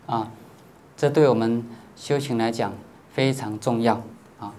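A man, a Buddhist monastic teacher, giving a dharma lecture in a patient, explanatory way, often pausing on drawn-out filler particles and checking that his listeners understand. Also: mid-range voice, fairly even intonation, darkish tone, slight background noise.

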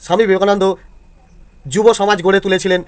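A man's voice: high voice, flat delivery, quick pace, clear, resonant tone. A male teacher explains exam answers to students step by step and keeps checking that they follow. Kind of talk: exam answer walkthrough lesson.

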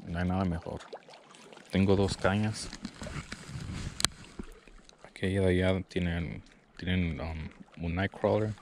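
A man's voice: low voice, fairly even intonation, slow pace, vocal fry, pauses often. A man vlogging while he fishes by a lake, chatting easily with his viewers and recorded on a body-worn camera outdoors. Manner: easygoing, chatty, addresses viewers as friends. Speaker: fishing vlogger. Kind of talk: casual vlog talk to viewers. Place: outdoors on a lakeshore. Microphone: body-worn action camera. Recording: outdoor lakeside background noise.

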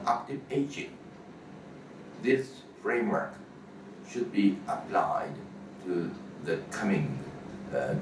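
An older man with a Japanese accent delivers a formal address in a very low, deep voice, pausing often between phrases. He sounds distant from the microphone in a roomy space, with a noisy hiss underneath. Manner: measured, halting delivery with frequent pauses. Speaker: parliamentary association chair. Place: indoor room before a banner.

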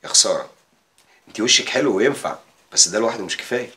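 A man's voice: lowish voice, animated, quick pace, bright, forceful tone. An actor with an Egyptian Arabic accent playing a stern male assistant lecturing a newcomer, in a TV drama.

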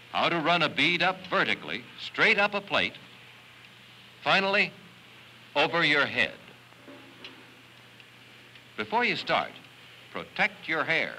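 A man giving steady step-by-step directions as the scripted narrator of an educational film. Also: fairly high pitch. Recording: noisy old film soundtrack.

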